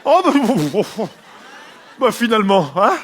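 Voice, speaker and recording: Man acting out a flustered, secretly delighted guy, high-pitched. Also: sing-song, unhurried, a bit bright, slight background noise, full character voice. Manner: exclamatory, sheepishly pleased. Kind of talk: stand-up comedy act-out.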